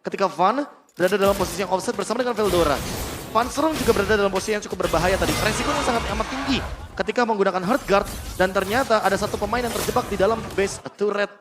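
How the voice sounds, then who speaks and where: A man's voice: high voice, racing, over music. A man with an Indonesian accent giving explanatory, wordy analysis as an esports caster.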